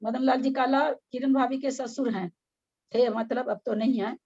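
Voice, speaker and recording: A woman's voice: fairly high pitch, steady tone, moderate pace, a little mellow, lo-fi sound. A middle-aged woman teaching an online scripture study class, her voice strained and weak, talking with effort and scolding at times. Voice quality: strained, weakened voice. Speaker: religious study group teacher. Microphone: video call.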